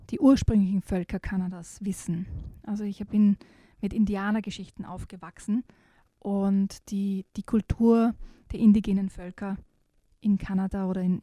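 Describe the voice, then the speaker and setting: A woman's voice: mid-range voice, mellow, no room sound, clean studio sound. A woman talking about youth novels on a radio show, thoughtful and conversational with some restarts. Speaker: book reviewer on a radio show. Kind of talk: conversational book discussion with read-aloud excerpt.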